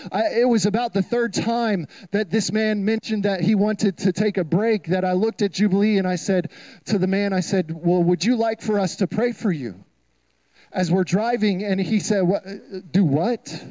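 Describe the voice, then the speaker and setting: Man, pastor, high voice, storytelling sermon, emphatic repetition. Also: darkish tone, low-quality recording.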